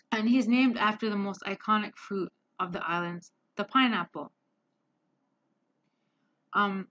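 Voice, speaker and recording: A woman giving a class presentation on slides, hesitant and filling pauses with many ums. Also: medium pitch, fairly bright tone. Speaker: student presenter. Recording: dull lo-fi sound.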